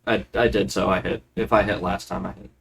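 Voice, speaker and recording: A man with a fairly low voice takes part in a tabletop role-playing game. He talks in terse, casual statements, with faint noise behind him. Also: flat delivery, a little fast, creaky, fairly bright tone. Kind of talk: casual in-character role-play.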